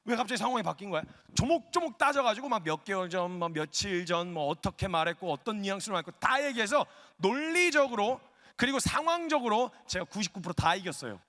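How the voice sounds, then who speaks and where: A male missionary preaching a humorous story-driven sermon, animated and acting out quotes, at a worship gathering. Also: high-pitched, brisk. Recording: long hall reverb.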